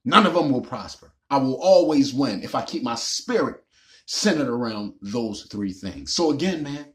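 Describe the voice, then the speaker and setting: A man's voice: medium pitch, animated, normal speed. A man, giving an emphatic, repetitive motivational talk about recovery and growing up. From Baltimore, Maryland. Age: 40s. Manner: emphatic, repetitive, preachy, slangy with "man" asides. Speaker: recovery vlogger. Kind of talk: casual motivational monologue.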